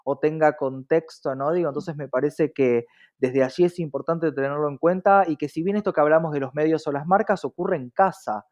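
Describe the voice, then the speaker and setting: A man with a Latin American Spanish accent, a diversity consultant appearing as an interview guest, explains his views and keeps adding short rhetorical check-in tags. His voice sits on the high side, brisk and a little mellow. The recording is muffled, dull, and lo-fi.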